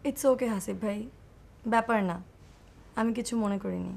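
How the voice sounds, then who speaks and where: An actress playing a polite younger colleague who reacts with concern. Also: female voice, mid-range voice, normal speed, creaky, a little mellow, lightly acted. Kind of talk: TV drama acting.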